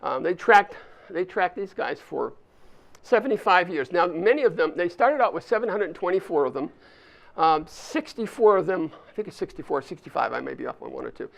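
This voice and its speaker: An older man at an alumni volunteer summit, in a university event space, leads a live audience through a hands-on exercise as part of a chatty leadership talk. His high-pitched, creaky voice has a fairly bright tone, and he speaks expressively and a little fast.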